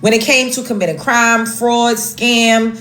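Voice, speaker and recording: An American woman talks straight to camera in a casual commentary style, emphatic and piling up list after list with plenty of fillers and restarts. Her voice sits a little high, and the room rings with echo while faint music plays underneath. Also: steady tone, a little slow, fairly bright tone. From United States. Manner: emphatic, lists grievances, many fillers and restarts. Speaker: social media commentator.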